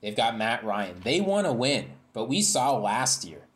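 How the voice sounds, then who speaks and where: A man's voice: mid-range voice, sing-song, measured pace, a bit bright. A man in a casual sports chat, telling a story with a dramatic setup. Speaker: panelist.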